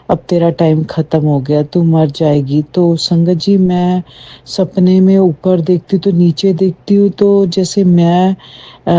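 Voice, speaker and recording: A woman telling a personal devotional testimony, halting as she goes and often addressing her listeners directly. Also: fairly low pitch, warm tone, no room sound, muffled recording. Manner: keeps addressing listeners as sangat ji, halting delivery.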